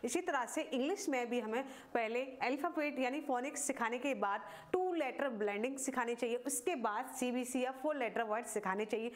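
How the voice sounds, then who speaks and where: A woman teaching a phonics lesson to parents. She explains patiently step by step and draws out each letter sound slowly. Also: fairly high pitch.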